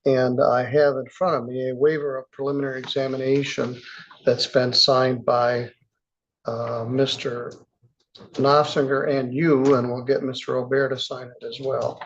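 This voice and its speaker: Man, judge on the bench; gravelly, unhurried, plainspoken, recorded on dull courtroom audio. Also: medium pitch, flat delivery, slight background noise. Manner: measured, plainspoken, chatty asides. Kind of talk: courtroom proceedings.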